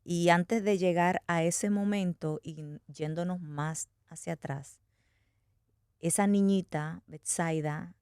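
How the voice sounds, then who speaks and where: A woman hosts an interview with a slightly low voice. She asks encouraging questions and affirms her guest's answers as she goes. The recording is dry and close, with no room sound. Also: fairly even intonation, slow pace, a little mellow, clean tone, no echo. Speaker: interviewer host.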